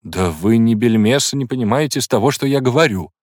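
A man's voice: medium pitch, expressive, brisk, a little mellow, dry recording, studio quality, pitched above the performer's own voice, natural voice. A man reading an audiobook, voicing a proud, tormented woman in an emotional, intense manner. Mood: anguished.

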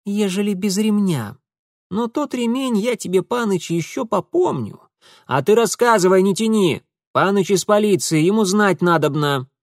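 A man voicing a bold, sharp-tongued young peasant girl who mocks and bosses people around. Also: high-pitched, expressive, normal speed, no echo, clean studio sound, pitched above the performer's own voice. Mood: bossy. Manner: mocking, bossy.

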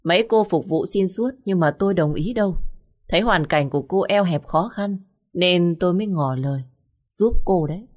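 Storybook villain: a smooth male restaurant owner, brisk and fawning, read by a woman. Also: on the low side, a little mellow, lightly acted. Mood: ingratiating. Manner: brisk, ingratiating.

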